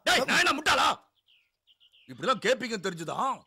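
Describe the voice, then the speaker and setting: An actor playing a short-tempered village boss in a film comedy, scolding and barking orders. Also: male voice, extremely high pitch, very animated, fairly quick, noisy background, exaggerated voice. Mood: indignant. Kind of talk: 1990s-2000s Tamil film comedy dialogue.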